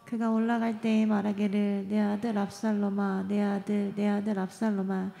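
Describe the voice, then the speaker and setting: Woman scripture reader, flat steady delivery, reverberant church hall from a distance. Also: mid-range voice, moderate pace, vocal fry. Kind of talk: scripture reading. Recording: echoey hall, heard from afar.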